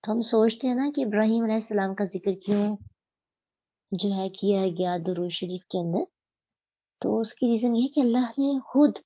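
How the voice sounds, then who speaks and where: A woman's voice: mid-range voice, moderate pace, breathy edge, dry recording, lo-fi sound. A woman giving a religious study lecture as a Quran teacher. She recites Arabic verses and explains them step by step, asking her listeners questions.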